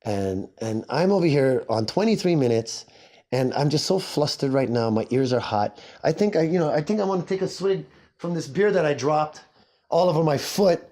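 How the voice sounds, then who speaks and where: Hoarse, rambling podcast host, a man. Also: on the high side, expressive, moderate pace, darkish tone. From Hawaii. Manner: rambling and chatty, self-mocking. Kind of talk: casual solo podcast chat.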